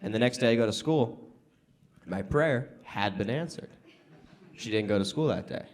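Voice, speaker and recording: An American man doing stand-up comedy with crowd work, talking conversationally to a club audience with pauses and emphatic punchlines. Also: on the low side, lively intonation. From Las Vegas, United States. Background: audience laughter.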